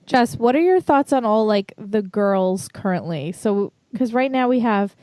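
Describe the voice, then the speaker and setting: A woman's voice: medium pitch, lively intonation, unhurried, a little mellow. A woman co-hosting a podcast, chatting easily and asking the others what they think of the show. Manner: easygoing, asks the others' opinions. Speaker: podcast co-host. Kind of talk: casual chat recapping a TV show.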